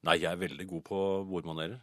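A man co-hosting a comedic radio show in a studio, telling stories in a deadpan, hesitant way. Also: low-pitched, no echo. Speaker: radio host. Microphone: studio microphone.

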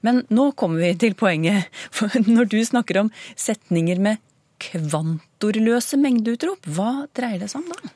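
A woman interviewing a guest, asking brisk questions and summing up the answers. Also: mid-range voice, animated, mellow, dry recording. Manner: brisk, guiding questions and summaries. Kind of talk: radio interview.

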